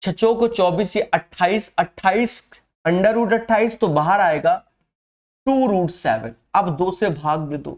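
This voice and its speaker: A man's voice: sits high, slow pace. A man teaching a maths lesson for exam prep with a nasal voice from a cold, chatty, and calling his students his friends. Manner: chatty, calls students "my friend", slips into English phrases. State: has a cold and fever.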